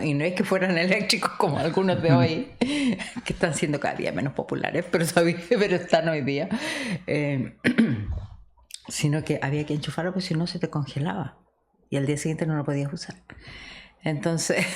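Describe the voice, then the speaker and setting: A middle-aged woman from Chile, co-hosting a podcast and telling stories of her past in a reflective, conversational way, laughing often. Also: low-pitched. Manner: warm, reminiscing, laughs often. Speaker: podcast co-host.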